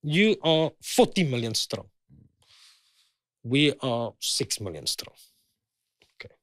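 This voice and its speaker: A man's voice: mid-range voice, very animated, slow, fairly bright tone, no room sound, clean studio sound. A South African man in his fifties, a guest in a heated conversation, pressing and repeating his points. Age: 50s.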